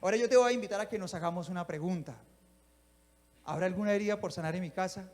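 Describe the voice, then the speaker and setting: A man's voice: sits high, fast talker, long reverb tail. A male pastor, preaching a sermon that he livens up with acted-out scenes, often asking his listeners whether they follow him. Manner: animated, acts out little scenes and asks the congregation if they follow.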